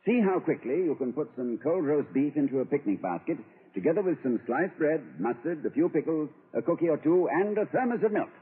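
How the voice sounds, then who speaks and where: An actor playing a whimsical, pompous middle-aged college president, talking in playful, flowery phrases in a 1940s radio comedy. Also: male voice, fairly high pitch, big pitch swings, brisk, hardly any pauses, husky. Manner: grandiloquent, playful, poetic flourishes. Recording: tinny old radio broadcast.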